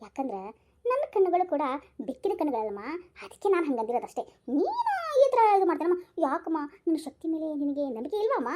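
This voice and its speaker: A woman telling a dramatized story, speaking calm and firm as a police officer daughter. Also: high voice, fast.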